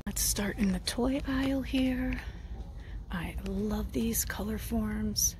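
A woman in her thirties in a whispered role-play, softly pointing out items while walking store aisles with a handheld phone. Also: mid-range voice, slow pace, slight background noise. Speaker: vlogger. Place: indoor retail store aisles.

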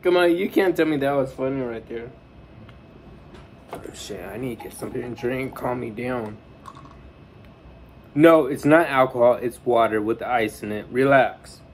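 A man's voice: medium pitch, normal speed, pauses often, slight background noise. A man hosting a reaction video, chatting casually, laughing a lot and swearing at what he is watching. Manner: laughs often and swears, talks back at the screen.

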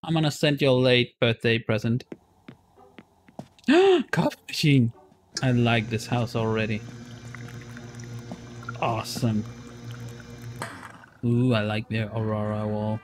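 Slow and lively in intonation, with long pauses and soft background music, a medium-pitched man in his forties chats with his stream while gaming. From a small room, he talks into a headset in a playful, talkative way.

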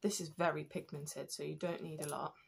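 A woman's voice: sits low, steady tone, brisk, gravelly, breathy edge. A young British woman with a slightly stuffy nose chats casually through her skincare routine at home, with plenty of ums and restarts. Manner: chatty, many ums and restarts. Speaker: beauty vlogger.

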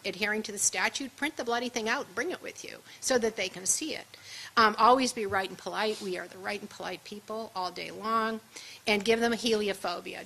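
A woman's voice: medium pitch, sharp tone, slight background noise, low-quality recording. A woman giving a conversational seminar presentation with emphatic asides. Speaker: seminar speaker. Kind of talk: luncheon presentation. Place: event room at a seminar.

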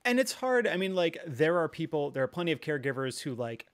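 A man's voice: a little high, sing-song, fast. A man speaking as a podcast guest, telling a personal story candidly, rambling and earnest with many fillers like "like" and "you know.". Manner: rambling, filler-heavy, frequent 'like' and 'you know'; earnest and reflective. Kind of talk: candid conversational chat.

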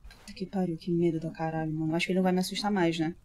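A woman's voice: fairly low pitch, fairly even intonation, very fast, darkish tone. A woman talks through a horror game as she plays it. She is jumpy, swears constantly and lets out startled yelps at every scare. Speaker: gamer streamer. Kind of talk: horror game let's play commentary.

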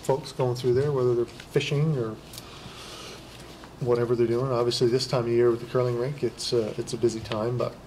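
A man's voice: mid-range voice, level tone, brisk, a little mellow, rough recording. A man serving as the town's administrative officer, reporting to council in a casual, plainspoken way with a few fillers. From Canada. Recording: faint noise, council chamber.

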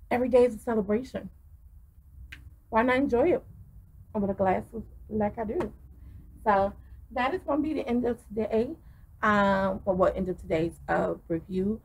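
A middle-aged woman gushes her way through a casual wine review, her medium-pitched voice carrying a gravelly fry. Effusive, she fills her talk with ums and restarts, and the rough recording comes from a webcam in a small wooden room.

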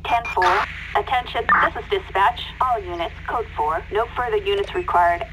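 A police radio dispatcher. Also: female voice, medium pitch, moderate pace, very noisy. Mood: flat. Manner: clipped, formal radio codes.

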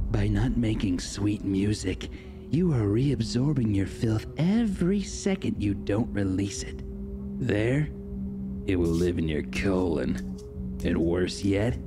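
A man voicing a creepy male toilet fiend who speaks in a slow, low, gravelly, menacing way. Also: expressive, over music.

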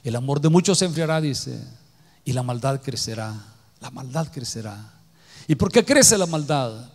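A man delivers a sermon from the pulpit, rising to loud exclamations and dropping to hushed, low phrases. His voice sits somewhat high for a man. The sound rings out with a long reverb from a church hall. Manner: preaching with wide swings from loud exclamations to low, quiet lines. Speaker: pastor.

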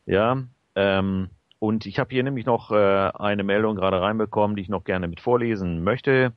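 A man's voice: on the low side, normal speed, no room sound. A man hosting a radio talk show, speaking casually with many hesitations and fillers. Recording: dull lo-fi sound.

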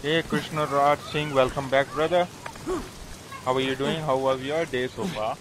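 A man's voice: mid-range voice, fairly even intonation, moderate pace. Male game streamer over noisy audio. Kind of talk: casual livestream chat greeting viewers.

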